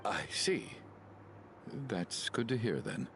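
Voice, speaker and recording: Flustered fatherly game character, swooping pitch. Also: sing-song, slow pace, slight background noise, full character voice. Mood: gentle, sheepish. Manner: hesitant, stammering. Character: kindly, fretful middle-aged father, easily flustered. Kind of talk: video game voice acting.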